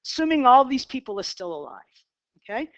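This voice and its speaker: A woman's voice: high-pitched, big pitch swings, a little fast, dry recording, highs cut off. Chatty Boston-accented woman teaching math. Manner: chatty, asks the class questions, digresses. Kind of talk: classroom lecture. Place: classroom.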